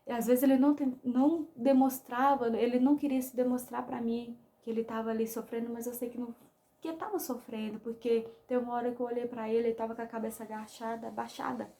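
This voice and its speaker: A woman's voice: a little high, steady tone, fast, mellow. A young woman with a Brazilian Portuguese accent telling a personal testimony to her viewers in an emotional, storytelling way. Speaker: vlogger.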